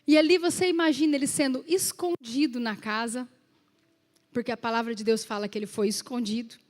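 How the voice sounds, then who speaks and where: A woman pastor preaching a sermon in an animated storytelling way, speaking straight to the congregation. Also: fairly high pitch, a little fast, in a large hall. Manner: acts out quoted voices in her stories.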